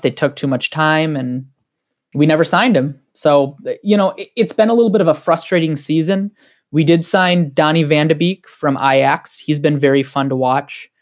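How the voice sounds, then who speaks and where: A man with a Wisconsin accent, a guest on a casual podcast, talking in an excited, heated, rambling way. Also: fairly high pitch.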